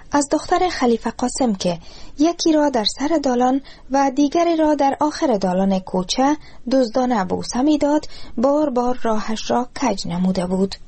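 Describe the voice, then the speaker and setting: Husky woman reading a story in Dari. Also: on the high side. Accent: Afghan Dari. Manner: calm, measured reading. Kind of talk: storybook narration.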